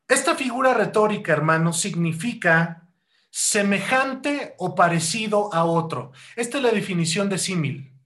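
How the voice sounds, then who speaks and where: A man preaching a sermon, asking rhetorical questions and addressing the congregation as brothers, with loud rising bursts and slow deliberate stretches. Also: high-pitched. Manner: rhetorical questions, keeps calling hearers "hermanos". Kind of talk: sermon teaching.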